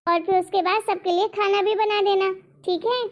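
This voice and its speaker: A woman voicing a middle-aged mother in an animated story who scolds and orders her grown daughter about. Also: extremely high pitch, moderate pace. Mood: bossy. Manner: scolding, bossy. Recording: dull lo-fi recording.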